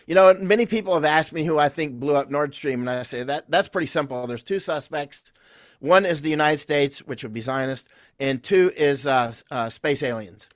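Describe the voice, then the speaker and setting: A man's voice: fairly high pitch, moderate pace, no echo, clean studio sound. A man speaking as a podcast guest, telling rambling, anecdotal stories with restarts and confident, emphatic declarations. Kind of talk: conversational interview storytelling.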